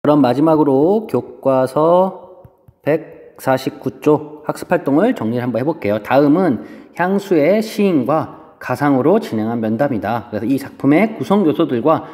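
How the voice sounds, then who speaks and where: A male teacher giving an online lecture, explaining step by step with fillers, pausing as he writes notes. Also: on the high side, animated, mellow. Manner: explains slowly while writing, frequent fillers. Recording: dull lo-fi audio, long reverb, faint noise.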